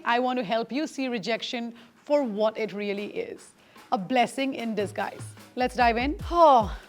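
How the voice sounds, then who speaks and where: Brief: woman podcast host, high voice, lively, chatty and laughing, faint music behind. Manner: animated and chatty, laughs often. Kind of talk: casual podcast monologue.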